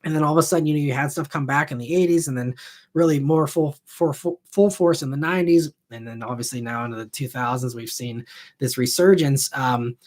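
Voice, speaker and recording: A man in his thirties hosts a live stream, answering viewer questions in a casual, rambling way loaded with fillers like "you know" and "I mean." His voice sits in the mid range and moves fairly quickly.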